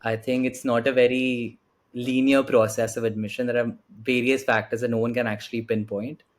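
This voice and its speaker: A man's voice: medium pitch, flat delivery, normal speed. A young man in his late teens with an Indian accent, answering casually and politely as an interview guest, often saying "like" and "you know". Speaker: podcast guest, student.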